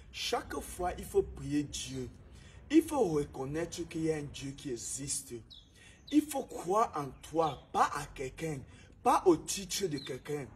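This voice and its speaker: A man's voice: a little high, a little hiss or hum. A young man from Cameroon with a Cameroonian French accent, telling his life story as a preachy, emphatic motivational talk. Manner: preachy, emphatic, repeats himself. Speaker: restaurant manager.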